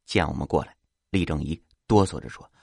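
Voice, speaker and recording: A man's voice: very deep voice, a little fast, creaky, dark tone, breathy edge, no echo, clean studio sound. A man narrating a story aloud, with a wry, teasing tone in his own character's lines.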